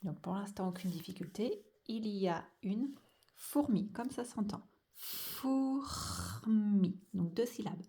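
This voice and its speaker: A woman teacher giving a slow dictation lesson to young children, stretching out each sound and syllable with care. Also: mid-range voice, lively intonation, warm tone.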